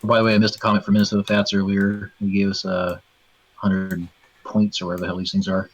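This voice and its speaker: A man talks through a dull, lo-fi stream mic, his voice husky and rather low. He rants bluntly in casual chat, swearing freely as he goes, and the sound is close and dry. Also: completely flat delivery, fast. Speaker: stream co-host.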